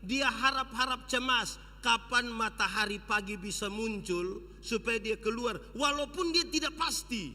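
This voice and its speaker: High, bright-voiced preacher with a Sumba accent. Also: male voice, measured pace, few pauses. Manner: dramatic, swings from shouting to hushed. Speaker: pastor. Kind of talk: revival sermon storytelling. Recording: long church hall reverb.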